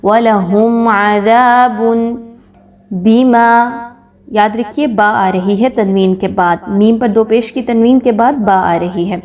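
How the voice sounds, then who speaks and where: A woman tutor teaching Quran recitation rules, explaining patiently and drawing out recited words slowly. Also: medium pitch, a little mellow. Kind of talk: tajweed lesson.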